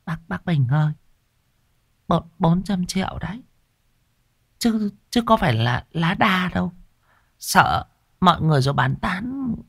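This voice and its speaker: A man voicing a frightened middle-aged village woman who stammers anxiously in a hushed voice. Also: high-pitched, very animated, unhurried, gravelly, long pauses, slightly rough, no echo, clean studio sound, voice pushed up, exaggerated voice.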